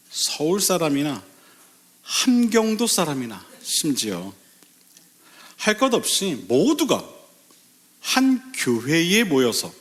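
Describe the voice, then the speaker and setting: Animated male pastor preaching. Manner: lively, asks the congregation rhetorical questions; sudden pitch lifts for emphasis, slows on key phrases. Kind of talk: Sunday sermon. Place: church sanctuary.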